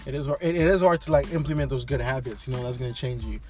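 A man's voice: medium pitch, very fast, a little mellow, far from the mic, soft background music. A young man in casual conversation, talking like a frat bro with lots of slang and emphatic repetition. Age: young adult. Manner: repeats himself emphatically.

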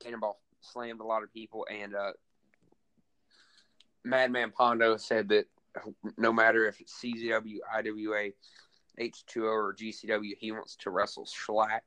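A man's voice: fairly low pitch, little pitch movement, normal speed, background noise. A man recapping a wrestling event in casual podcast chat, rambling and full of fillers. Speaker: co-host recapping a wrestling show.

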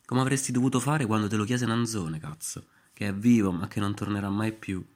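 A man's voice: lowish voice, fairly even intonation, fairly quick, darkish tone, natural voice. A man voicing a brash, foul-mouthed young hero in a storybook, who talks bluntly and crudely. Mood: earnest.

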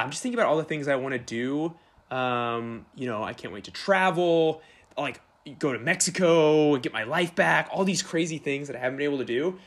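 A man's voice: medium pitch, fairly bright tone. A man playing an overexcited young man who pushes and whines about getting his shot, in an improvised comedy sketch over a video call. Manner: pushy, whiny, needy.

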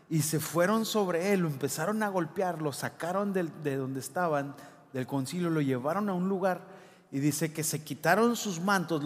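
A man preaches a sermon in a fairly high voice. He swings from loud, impassioned passages to hushed, intense ones. His voice carries a long reverb from a big church hall. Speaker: pastor.

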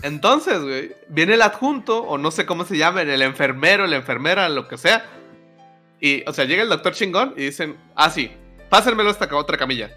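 A man's voice: fairly high pitch, expressive, a little fast, pushed and bright. A Mexican man co-hosting a podcast, retelling a grim news story in slangy, laughing casual chat, with faint music underneath. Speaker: podcast co-host.

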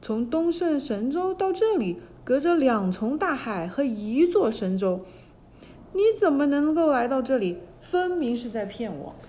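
A woman's voice: a little high, big pitch swings, unhurried, dark tone, a little hiss or hum. A woman doing a stern old immortal master. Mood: angry. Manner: stern, scolding.

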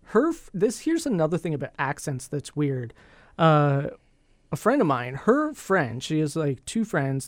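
A man's voice: on the high side, no room sound, studio quality. A middle-aged man co-hosting a podcast in casual chat, joking and teasing. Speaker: podcast co-host.

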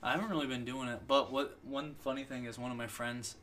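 A man's voice: mid-range voice, fairly even intonation, fast, a bit bright, a little hiss or hum. A man co-hosting a podcast, rambling and joking in casual chat, swearing freely. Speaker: podcast co-host.

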